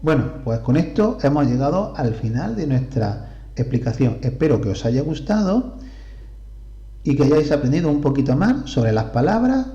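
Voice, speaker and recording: A male teacher with a Spain Spanish accent giving a grammar lesson, deliberately spelling out examples and counting syllables aloud. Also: medium pitch, very animated, mellow. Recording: roomy echo, slightly dull sound.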